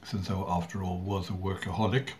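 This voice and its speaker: A middle-aged man from Sweden, talking casually to camera in a halting way with long pauses and throat clearing. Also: low voice, little pitch movement, a little mellow. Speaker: vlogger. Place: small room at home indoors. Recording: clearly audible background noise.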